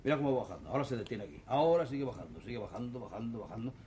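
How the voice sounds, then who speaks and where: An actor playing a romantic, dreamy husband who explains things in an insistent, playful way, with a Spain Spanish accent. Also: male voice, medium pitch, lively intonation, racing, warm tone, slight background noise, natural voice. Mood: earnest. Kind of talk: 1960s TV stage play acting.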